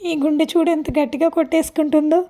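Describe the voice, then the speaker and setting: A woman's voice: high voice, little pitch movement, fast talker, warm tone. A woman reading as a shy young bride. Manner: shy, bashful.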